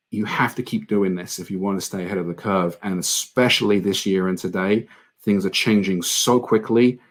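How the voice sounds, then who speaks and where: Brief: man, lowish voice, conference speaker, earnest conversational delivery with filler ums. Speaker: conference speaker on product marketing. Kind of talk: online conference presentation.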